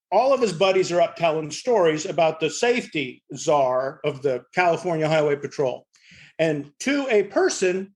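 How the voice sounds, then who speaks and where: A middle-aged or older man talking casually on a panel in a blunt, salty, joking way. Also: fairly high pitch. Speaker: fire service podcast panelist.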